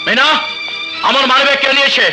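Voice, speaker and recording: An actor playing a righteous elder son, earnest and pleading, in a film scene with music behind. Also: male voice, very high-pitched, steady tone, fast talker, rough recording. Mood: angry. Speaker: elder brother. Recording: film soundtrack with music underneath.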